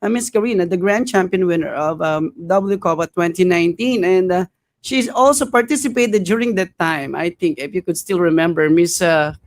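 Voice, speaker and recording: A man hosting a live online interview show, speaking haltingly with many fillers and warm praise for his guest. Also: sits high, no room sound. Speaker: host.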